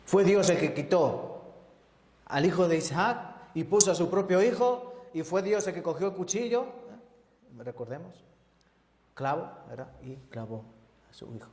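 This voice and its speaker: A man's voice: fairly high pitch, animated, a little slow, darkish tone. A man teaching a Bible sermon as an evangelist, often asking the congregation questions and checking with tag questions. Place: church. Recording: echoey church hall.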